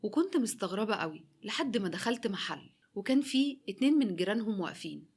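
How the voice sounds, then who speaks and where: Young Egyptian woman narrator, rapid and dramatic, mid-pitched. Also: sing-song, a little mellow, slightly rough. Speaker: storyteller. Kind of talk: first-person story narration.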